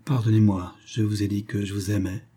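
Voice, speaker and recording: A man reading aloud voices a passionate young suitor, speaking low and hushed. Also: flat delivery, a little fast, husky. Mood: weary.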